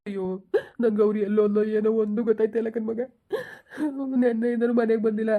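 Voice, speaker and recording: A woman's voice: a little high, flat delivery, fast talker, narrow, tinny audio, close to an everyday voice. A woman playing a grieving middle-aged village husband, crying and pleading in a village drama. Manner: pleading, sobbing speech.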